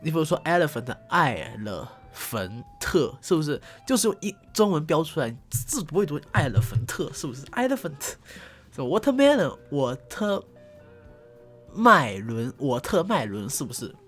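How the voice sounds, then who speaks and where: A young man with a slightly high, husky, sing-song voice talks fast with hardly any pauses, soft music in the background. Hosting his channel on a desk condenser mic, he jokes at his own expense, teases, and exaggerates English words.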